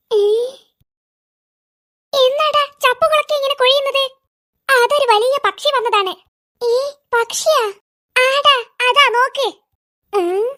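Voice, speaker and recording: Very high squeaky cartoon schoolboys, bickering, excitable, soft music behind. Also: exaggerated voice. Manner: quick back-and-forth bickering. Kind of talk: cartoon voice acting. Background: faint background music.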